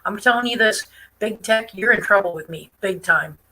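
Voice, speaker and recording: A woman's voice: mid-range voice, normal speed, bright, forceful tone, rough recording. A woman hosting a casual live stream, chatty and defiant, with many fillers as she comments on a news clip. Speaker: online show host.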